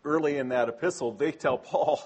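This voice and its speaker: Man, preacher, husky voice, conversational sermon, questions to the congregation. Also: fairly high pitch, fairly quick, darkish tone, lo-fi sound.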